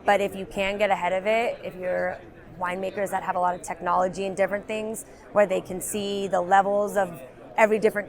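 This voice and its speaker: Woman explaining products at a trade show. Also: mid-range voice. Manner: explanatory, many fillers like um and you know. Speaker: beverage sales representative.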